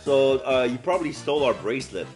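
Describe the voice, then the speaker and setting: A man doing casual let's play narration, describing game scenes aloud in a halting way. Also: medium pitch, animated, darkish tone, faint music behind. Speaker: game streamer and voice-over player.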